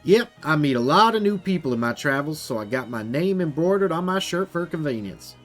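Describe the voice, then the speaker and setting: A man's voice: fairly high pitch, animated, a little fast, soft background music, voice pushed up, natural voice. A man voicing a folksy, easygoing female hobo drifter in a video game, with a laid-back drawl.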